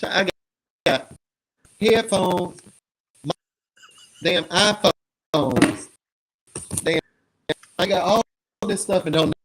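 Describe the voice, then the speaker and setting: A man's voice: high-pitched, extremely slow, long pauses, fairly bright tone, slight background noise, low-quality recording. A man speaking as a guest on a live show over a remote computer voice call that keeps breaking up. He talks in a laid-back, familiar way. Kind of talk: casual chat.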